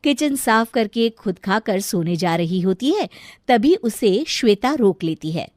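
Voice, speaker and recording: Expressive woman storyteller. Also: medium pitch, unhurried, dry recording, clean studio sound. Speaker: narrator. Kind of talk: scripted story narration.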